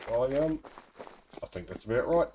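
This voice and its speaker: A man's voice: mid-range voice, lively intonation, normal speed, mellow, slight background noise, poor audio. A man with a New Zealand accent giving casual, laid-back gameplay commentary, thinking aloud in colloquial speech. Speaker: gamer narrating own let's play.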